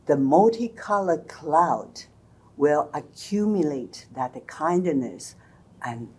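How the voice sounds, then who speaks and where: Older woman, very low pitch, unhurried, guest telling stories. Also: animated, darkish tone, husky. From China and Taiwan. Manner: careful, explanatory storytelling. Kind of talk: conversational interview.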